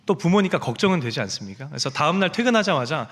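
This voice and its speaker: Korean pastor's lively sermon in a reverberant church. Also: male voice, on the high side, quick pace. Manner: storytelling, acting out quoted speech. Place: church sanctuary.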